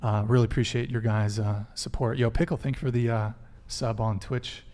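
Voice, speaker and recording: A man hosts a casual live dating talk show. He jokes with the audience and presses his guests with quick follow-up questions. His voice sits at a middling pitch. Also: fairly even intonation, a little mellow. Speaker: podcast host. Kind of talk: casual live-stream chat.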